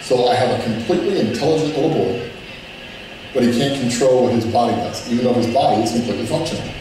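Talking quickly in a mid-range voice, this man gives an earnest, plainspoken account of his life as a father, with bursts of deep emotion. When he repeats what others said, he does it in animated voices. Soft music runs beneath an echoey, faraway recording, and the background is noisy.

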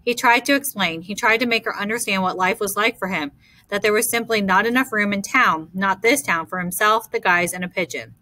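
Female audiobook narrator, bright, dry close read, measured. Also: mid-range voice, no room sound. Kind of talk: scripted narration.

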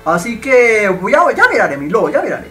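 Excitable man shouting over gameplay. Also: high-pitched, fairly quick, faint music behind. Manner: excitable, shouts and swears at the game. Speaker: gaming YouTuber. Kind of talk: gameplay commentary.

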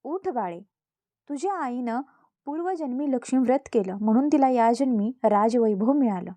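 A woman's voice: a little high, lively intonation, moderate pace, mellow, no echo, close to an everyday voice. A woman voicing a wise, patient old woman in a folk tale, speaking earnestly and giving careful instructions.

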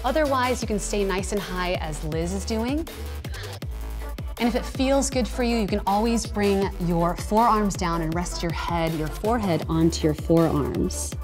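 A woman's voice: mid-range voice, unhurried, music in the background. A woman in her thirties, a fitness trainer, guiding a yoga flow with encouraging, upbeat cues in a large indoor gym studio. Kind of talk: guided yoga instruction.

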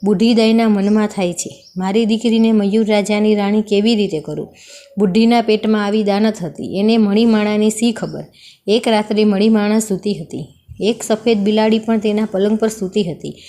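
A woman's voice: medium pitch, moderate pace, warm tone. A woman reading a folk tale aloud, expressively voicing the characters' lines. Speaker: storyteller.

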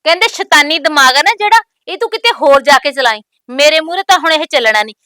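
Defiant young bride, high bright voice, dry close sound. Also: female voice, lively intonation, quick pace, dry recording. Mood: scolding. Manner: bold, scolding, proverb-laden retorts. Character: sharp-tongued young newly married woman, defiant. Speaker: actress. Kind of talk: village family drama acting.

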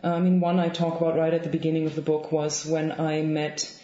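A German woman in her thirties with a German accent speaks as a guest author in a reflective interview, her low voice level and soft as she pauses, says um and restarts often. She is indoors in a home room lined with bookshelves, and the recording has a roomy, slightly dull lo-fi quality.

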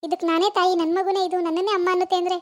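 A woman's voice: very high voice, little pitch movement, rapid-fire. Woman voicing a doting young cartoon mother. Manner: fussy, chatty, coos softly to the baby. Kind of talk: animated cartoon voice acting.

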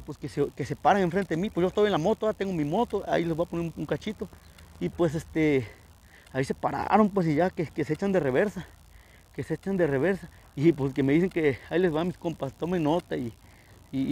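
A man's voice: on the high side, darkish tone, rough recording. A middle-aged man with a northern Mexican Spanish accent, telling viewers a story in a chatty, slangy, repetitive way as a vlogger.

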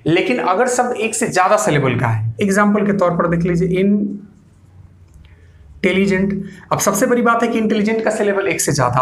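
A male English grammar teacher giving a classroom lecture, explaining step by step, repeating points and answering his own questions. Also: high voice. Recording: echoey room.

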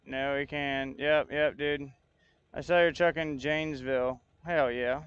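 A man's voice: mid-range voice, little pitch movement, a little slow, fairly bright tone, clean tone, no echo, muffled recording. A man streaming live, chatting casually with viewers, frustrated and thinking aloud while he sorts out technical trouble. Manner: frustrated, talks to chat while fixing tech trouble. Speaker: livestreamer. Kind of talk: casual livestream chat.

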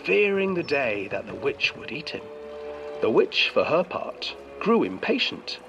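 A man reading a dark fairy tale as a storybook narrator in a game, in a measured, theatrical delivery. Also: mid-range voice, sing-song, vocal fry, highs cut off. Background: music.

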